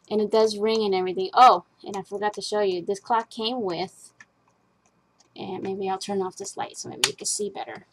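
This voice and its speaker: A woman's voice: medium pitch, a little hiss or hum, poor audio. A woman talking casually at her craft desk, chatty and rambling with fillers as she walks through a project. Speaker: craft vlogger.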